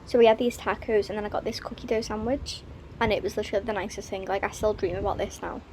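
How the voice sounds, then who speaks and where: A woman's voice: mid-range voice, steady tone, fast, very noisy. A young woman recapping a trip in a casual vlog, chatty and full of filler "like"s. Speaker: travel vlogger.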